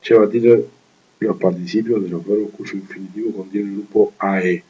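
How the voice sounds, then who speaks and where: A man reading a legal writing manual aloud, steady and methodical, restarting words he stumbles on and adding brief offhand remarks. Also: fairly low pitch, moderate pace, lo-fi sound. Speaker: law study reader.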